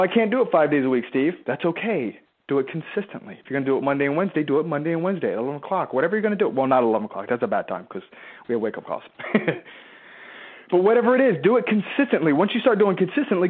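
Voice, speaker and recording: A man's voice: high-pitched, slightly rough. Emphatic man coaching over a tinny line. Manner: emphatic, conversational, asks rhetorical questions; mimics the listener's objections in a whiny voice. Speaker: business and marketing coach. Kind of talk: motivational live talk to followers. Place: a room at home, seated in a chair.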